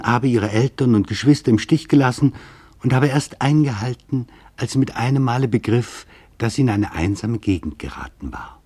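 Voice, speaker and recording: In a scripted radio documentary drama, an actor plays a sober investigator recounting his interviews in a measured, grave manner. His mid-range voice is husky, warm and natural.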